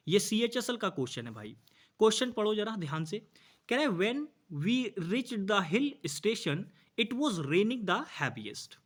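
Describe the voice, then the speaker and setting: A young man teaching an exam-prep English grammar lesson, explaining patiently, asking students questions and reading example sentences slowly. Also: high voice, a bit bright. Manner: explains patiently, asks students questions, calls them bhai and bhaiya.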